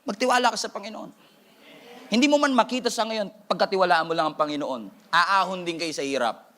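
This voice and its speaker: A Filipino-accented pastor preaches with energy, mixing Filipino and English and tossing playful asides to his flock. His voice sits high for a man and rings bright and forward. The delivery is a lively sermon. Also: brisk.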